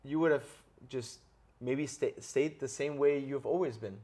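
A man's voice: mid-range voice, a little slow, a little mellow. Earnest man coaching with tag questions. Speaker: podcast host. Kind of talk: interview conversation.

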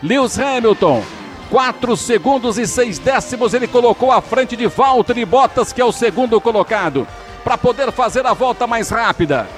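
A Brazilian man with a very high-pitched voice commentates motorsport live. His delivery is excited and dramatic, stretching out exclamations as the race unfolds. Music plays behind the radio broadcast. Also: moderate pace.

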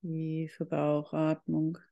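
A yoga instructor guiding a meditation in calm, measured, drawn-out phrases. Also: medium pitch, vocal fry, dull audio. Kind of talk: slow guided yoga meditation.

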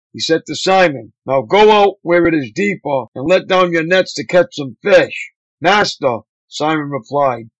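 A male pastor reading scripture aloud at a steady, measured pace. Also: on the high side, no echo, lo-fi sound.

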